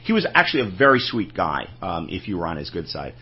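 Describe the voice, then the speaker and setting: A man's voice: deep voice, very animated, fast, husky, lo-fi sound. A man telling anecdotes in a casual interview, rambling and restarting his sentences. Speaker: film collector guest.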